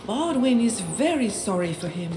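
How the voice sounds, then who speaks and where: A woman narrating a medieval role-playing game in a measured storybook manner, sometimes dropping to a hush. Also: medium pitch, big pitch swings. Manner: measured, with occasional hushed whispers. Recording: roomy echo, faint noise.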